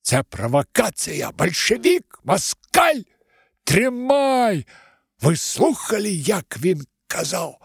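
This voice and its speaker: A man voicing shrill, panicky voices yelling in a street crowd, thin and ringing. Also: wildly swooping pitch, slow pace, vocal fry, breathy edge, dry recording, clean studio sound, heavily acted. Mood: frantic shouting. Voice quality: thin, ringing, high and strained.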